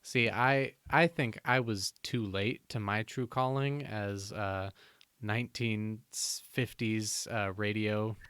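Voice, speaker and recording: A man's voice: lowish voice, fairly even intonation, slow pace, a bit bright, smooth, dry recording. A man co-hosting a podcast, joking and wry in casual chat. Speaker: podcast co-host.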